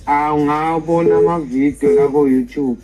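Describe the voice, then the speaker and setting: A man's voice: a little high, fairly even intonation, moderate pace. A man from South Africa with a Zulu accent, chatting casually as a fan on a phone call. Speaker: fan calling in. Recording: phone call with music behind.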